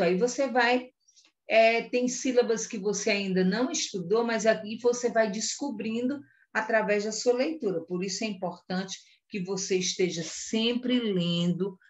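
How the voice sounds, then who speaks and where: Patient woman teaching young children. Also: mid-range voice. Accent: Brazilian Portuguese. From Brazil. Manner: patient, repeats instructions with many check-ins. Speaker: first-grade teacher. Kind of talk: online lesson for young children.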